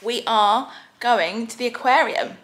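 A woman's voice: fairly high pitch, a little slow, fairly bright tone, low-quality recording. A young woman vlogging, chatty and self-mocking, talking to a close-held camera. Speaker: vlogger, mum. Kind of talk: casual chat. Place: in a garden hot tub, outdoors.

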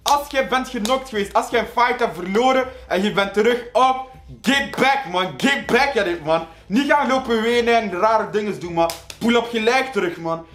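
A man hosting a reaction video, reacting to a rap track with loud, hyped exclamations. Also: high voice, normal speed, echoey room.

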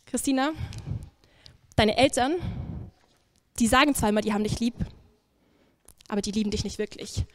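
A sneering male devil spits mocking taunts, as a woman preacher acts him out. His voice sits fairly high and stays in the speaker's plain register, with a scornful, belittling edge. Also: moderate pace, pauses often, natural voice. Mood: taunting. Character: sneering male devil whispering cruel lies.

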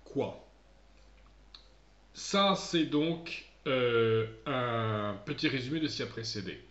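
Male teacher, recorded video lesson, talks straight to his pupils, slow careful reading, muffled echoey room sound. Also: mid-range voice. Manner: reads English passages slowly and clearly, then explains in relaxed French; speaks directly to pupils, often trailing off softly. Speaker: English teacher.

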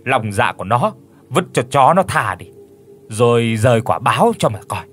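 A man voicing an indignant village woman who curses in a sharp-tongued way. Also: mid-range voice, very animated, normal speed. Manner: indignant, cursing.

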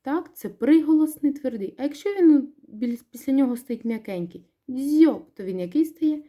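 A woman's voice: high voice, animated, normal speed, warm tone. A woman teacher with a Ukrainian accent giving a recorded grammar lesson to young pupils, patiently asking questions and answering them herself. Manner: patient, asks questions and answers them herself, stretches words to stress syllables. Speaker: primary school teacher.

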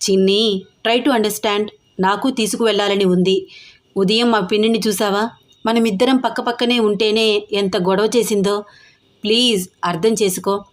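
A woman voicing an earnest young businessman who pleads softly and reassures his fiancée in an audio story. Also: medium pitch, steady tone, moderate pace, close to an everyday voice. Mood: pleading.

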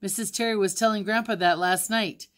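A woman's voice: mid-range voice, steady tone, brisk, a bit bright, natural voice. A woman reading aloud, voicing a stern boat driver who speaks in commands. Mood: firm. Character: stern grown man, a rescue boat driver.

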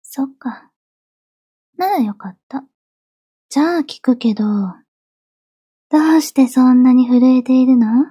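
A yandere girlfriend in an ASMR role-play, high in pitch yet very dark and velvety in tone. She sounds obsessively devoted and clingy, sweet with menace underneath. The voice is close and dry. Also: fairly even intonation, measured pace, long pauses, no room sound. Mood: soft, suspicious. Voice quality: soft, breathy. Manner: yandere: obsessively loving, soft, pleading turning coldly threatening.

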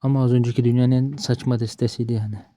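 A man mutters and grumbles as he plays, cursing bad luck in a casual running commentary. His voice is very dark and mellow, recorded dry and close with no room sound. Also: medium pitch, fairly even intonation, fast talker, no echo. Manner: frustrated, swearing at the game, talking to himself. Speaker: gaming streamer.

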